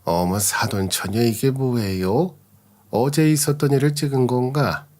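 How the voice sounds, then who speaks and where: A man's voice: medium pitch, unhurried, a little mellow, natural voice. A man voicing an older mother-in-law who feigns innocence and dodges questions. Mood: feigning innocence.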